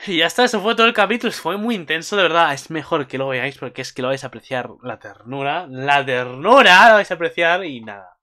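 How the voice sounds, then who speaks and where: A young man recapping an anime episode in a gushing, excited way, breaking into high squeals and shouts. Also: quick pace, few pauses. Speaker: anime commentator.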